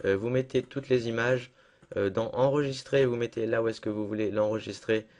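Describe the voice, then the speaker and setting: A young man walks viewers through a software tutorial in a loose, chatty way. He fills pauses with hesitations and pokes fun at himself. He speaks into a desktop mic at his computer. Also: mid-range voice, steady tone. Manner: chatty, self-deprecating, lots of fillers. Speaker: tutorial maker. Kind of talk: casual screen-recorded software tutorial.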